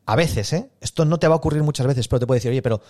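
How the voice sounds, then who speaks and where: A man's voice: on the high side, a little mellow, no room sound, clean studio sound. A man giving a live online sales lesson, talking casually to listeners and acting out example sales conversations. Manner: conversational, acts out sales dialogues with pauses. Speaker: sales trainer. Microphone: close microphone.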